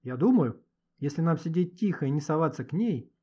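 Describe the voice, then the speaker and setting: A man reading an audiobook and voicing a feisty, quick-tempered schoolgirl in a shrill, indignant voice. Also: animated, warm tone, breathy edge. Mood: reasoning. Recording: dull lo-fi audiobook recording.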